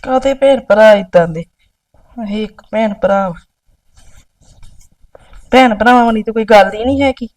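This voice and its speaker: A woman's voice: fairly high pitch, moderate pace, pauses often, darkish tone, lightly acted. A woman playing an exasperated elder sister, scolding her younger sibling in a village drama. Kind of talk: village short film acting.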